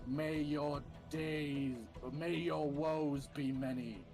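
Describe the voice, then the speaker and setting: A man doing a booming, magically amplified tower voice. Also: fairly even intonation, music in the background. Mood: ominous. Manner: slow, solemn, archaic warning. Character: booming disembodied voice of an enchanted tower, ominous. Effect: magically amplified, booming voice that seems to echo. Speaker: game master. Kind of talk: narrating a tabletop game over voice chat.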